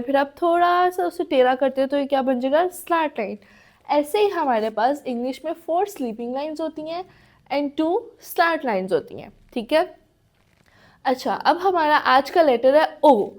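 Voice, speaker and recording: A woman's voice: sits high, a little mellow. A young woman teaching a playgroup English class, patiently asking questions and answering them herself. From Pakistan. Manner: patient, asks and answers her own questions, mixes Hindi-Urdu and English. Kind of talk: recorded classroom lesson.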